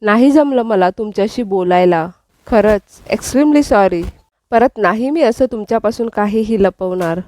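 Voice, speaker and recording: A woman voicing a lively, apologetic young woman who is a student, in a retold serial scene. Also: mid-range voice, moderate pace, close to an everyday voice. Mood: pleading. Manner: pleading, then cheerful. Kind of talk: recounted serial dialogue.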